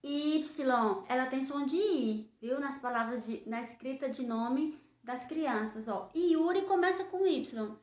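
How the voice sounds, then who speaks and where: A woman teacher, giving a children's phonics lesson and sounding out letters slowly in a sing-song way. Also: high voice, darkish tone. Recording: echoey room.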